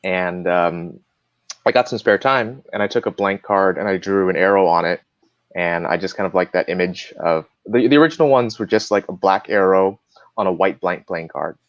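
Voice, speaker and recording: Man, very low voice, relaxed guest chat, lots of ums, lo-fi dry call audio. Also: moderate pace, no room sound. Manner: easygoing, explanatory, many fillers. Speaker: guest cardist. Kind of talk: casual live-stream chat. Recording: dull lo-fi dry sound.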